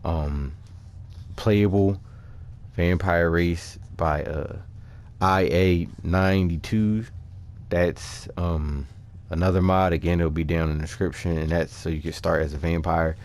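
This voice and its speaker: Hosting a gaming video, a low-voiced man talks casually to his regular viewers, explaining a game build over the footage with a slightly hesitant delivery. His voice-over is steady, a little slow, and darkish, recorded on a mic over game capture.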